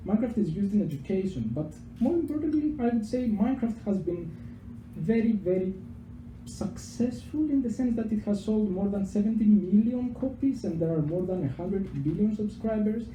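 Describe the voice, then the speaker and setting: A young Greek man with a Greek accent gives a casual public science talk to a live audience in a pub, chatty and self-deprecating, with lots of fillers and repeated words. His high voice is expressive and mellow at a normal speed, carried by a handheld microphone with a little hiss or hum. The venue is echoey, with faint background ambience.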